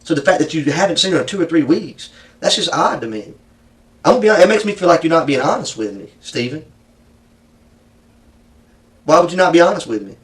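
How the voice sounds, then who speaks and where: A man with a Southern US accent works as a police interrogator, speaking quickly in a slightly high voice. He is folksy but persistent and probing, throwing answers back as questions. The microphone is some distance away. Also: sing-song.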